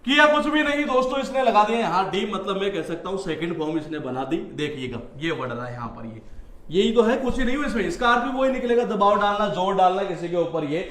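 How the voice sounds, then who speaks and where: A man's voice: sits high, animated, fairly quick, a bit bright. A man teaching a vocabulary lesson, explaining words with memory tricks and everyday stories and repeating his phrases. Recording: echoey room.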